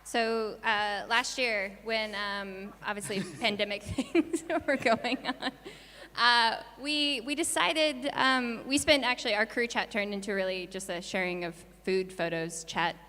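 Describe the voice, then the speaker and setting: Bright New woman presenting on stage. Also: medium pitch, fairly even intonation, slight background noise. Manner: halting, jokey, chuckly. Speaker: conference organiser and presenter. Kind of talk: informal stage announcements. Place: on stage in a hall. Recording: reverberant hall sound.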